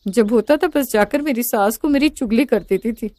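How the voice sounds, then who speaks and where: A woman doing a middle-aged mom lecturing her daughter, bitter and reproachful, a bit high, dry close mic. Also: normal speed, mellow, no room sound, lightly acted.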